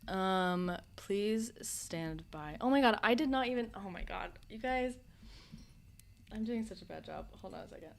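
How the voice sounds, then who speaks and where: A woman hosting a livestream speaks to her viewers in a soothing, medium-pitched voice at a moderate pace. Chatty and talking straight to chat, she is casual, teasing and self-deprecating. There is a little hiss or hum in the audio.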